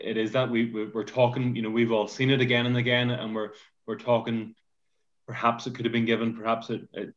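A man speaks in a flat, even tone, circling his point with repeated words and restarts. His audio sounds a touch dull and lo-fi. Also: mid-range voice. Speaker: podcast panelist. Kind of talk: podcast football discussion.

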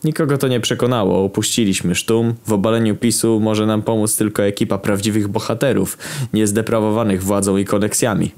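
A man narrates a crude, absurd internet tale in a deadpan reading voice. His pitch sits on the low side and he keeps the telling dry, with the odd shouted burst. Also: brisk. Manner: deadpan, crude storytelling with sudden shouted outbursts.

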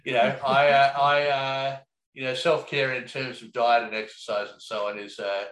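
A man speaking in an easygoing, reflective way, circling his points with plenty of fillers and a casual swear here and there. His voice sits at a middling pitch. The recording carries a noticeable room echo. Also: level tone, moderate pace, a bit bright. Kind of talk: casual conversation. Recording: echoey room.

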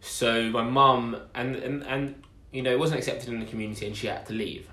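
Speaking briskly with a bright, forceful, steady delivery, this twenty-something man from Essex and southeast London co-hosts a podcast and recounts his story. His Essex accent and medium pitch carry an earnest, casual tone, and he repeats phrases to stress points. Echo fills the room.

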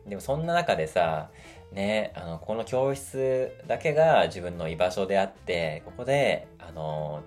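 A man with a very low voice talks casually through a solo podcast episode. He is chatty and animated, and his voice jumps up when he acts out quotes. Soft music plays faintly behind him. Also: unhurried. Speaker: podcast host. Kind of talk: casual monologue.

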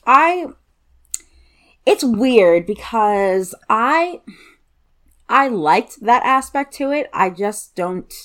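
A woman's voice: a little high, expressive, extremely slow, pauses often, fairly bright tone. A woman co-hosting a casual podcast, talking informally and a little hesitantly, in a self-deprecating way. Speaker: co-host.

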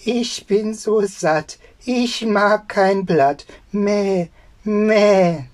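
A reader voicing a spiteful, lying nanny goat in a fairy tale read aloud, with a high bleating voice. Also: drawn-out words, darkish tone. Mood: smug.

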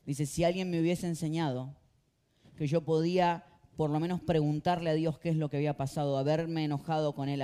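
A male pastor with a Rioplatense Spanish accent, preaching a sermon with passion and swinging between quiet talk and loud outbursts. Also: fairly high pitch, clean tone. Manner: impassioned, swings from quiet to shouting.

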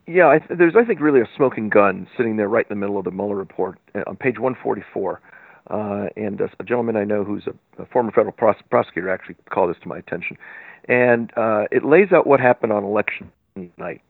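A man's voice: on the low side, lively intonation, fast, gravelly, dry recording. A man giving a political interview as a guest commentator, recounting events in detail and arguing his point emphatically. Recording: tinny phone line.

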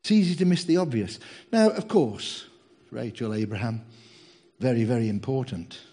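A man's voice: mid-range voice, animated, normal speed, warm tone, breathy edge. A man preaching a sermon in a humorous, chatty way, teasing his congregation.

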